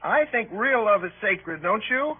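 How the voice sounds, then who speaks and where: A man's voice: high voice, expressive, measured pace, slightly rough, narrow, tinny audio, full character voice. A pompous, outraged teenage boy. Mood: earnest, lovesick. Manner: lofty, fussy, indignant complaining. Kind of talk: 1940s radio acting. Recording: scratchy old radio broadcast.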